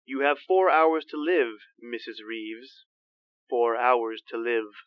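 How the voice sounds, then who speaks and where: An actor playing a slow, threatening anonymous caller in an old-time radio horror drama. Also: male voice, mid-range voice, no room sound, dull audio, faint music behind, close to an everyday voice. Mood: menacing. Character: menacing male mystery caller, slow and threatening.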